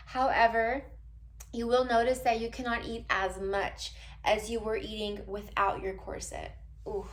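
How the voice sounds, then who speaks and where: A woman vlogging casually at home, answering viewer questions in a chatty, playful way with loose tangents and asides. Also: a little high. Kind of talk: casual chat.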